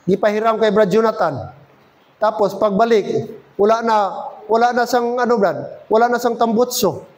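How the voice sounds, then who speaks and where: High-voiced Filipino preacher. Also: male voice, poor audio. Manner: preaching in a mix of English and Filipino, asking the congregation "Amen?"; slows down to stress key points, calls out loudly at times. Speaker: pastor. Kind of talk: sermon. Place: church service.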